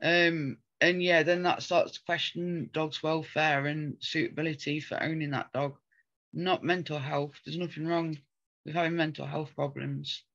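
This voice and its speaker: A woman's voice: deep voice, fairly even intonation, measured pace, creaky, fairly bright tone, dull audio. A woman co-hosting a casual chat, talking earnestly and rambling with frequent ums. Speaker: podcast co-host.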